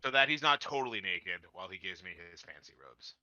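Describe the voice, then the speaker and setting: A man chats casually as a player in a tabletop game. His voice sits a little low but is extremely bright and sharp, and his delivery is informal and halting. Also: animated, lo-fi sound.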